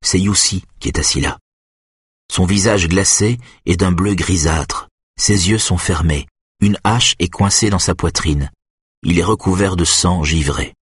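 A man narrates a suspense audiobook in a measured, tense manner, his low voice husky and breathy. The close recording is completely dry, with no room sound and no echo.

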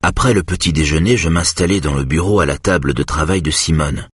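A man reading a first-person novel aloud as an audiobook narrator, calm and measured. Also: extremely low pitch, breathy edge, no echo, studio quality.

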